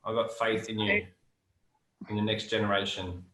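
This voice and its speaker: A man's voice: lowish voice, little pitch movement, normal speed, sharp tone, slight background noise. A man hosting a casual game show, chatting along in self-deprecating host patter. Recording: roomy echo, music underneath.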